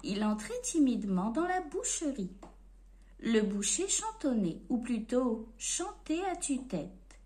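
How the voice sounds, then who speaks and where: A woman reading a storybook aloud to children in an expressive, playful way. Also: fairly high pitch, slow.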